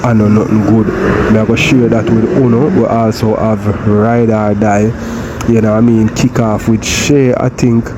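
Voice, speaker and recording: Rich: A low-pitched Jamaican man hosts a gossip channel in a laid-back, even tone that barely rises or falls. He keeps addressing his viewers in an easy patois-tinged drawl. Clear background noise sits under his voice. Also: moderate pace. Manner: repeats "my people", laid-back. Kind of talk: casual commentary. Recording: noisy background.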